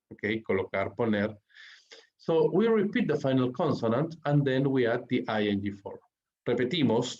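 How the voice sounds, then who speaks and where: A man's voice: fairly low pitch, a little mellow. Man teaching grammar, constant "ok?". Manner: repeats "¿ok?" constantly, explains each English line in Spanish. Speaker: English teacher. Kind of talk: bilingual grammar lesson. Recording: dull lo-fi audio.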